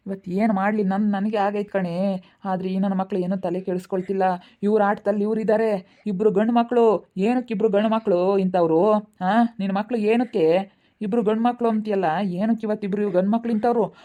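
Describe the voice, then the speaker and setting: A woman's voice: medium pitch, steady tone, moderate pace, muffled recording, natural voice. A woman, acting a grieving middle-aged farm woman who keeps lamenting her lost land in a village family drama. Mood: bitter pleading. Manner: lamenting, repetitive pleading speech.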